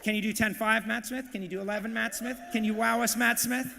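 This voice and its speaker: A man working as auctioneer and emcee at a live charity event, calling bids in a rapid, punchy, hyped way. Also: sits high, fairly even intonation, creaky, bright, forceful tone, big-room sound, slight background noise. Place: large banquet hall, live audience.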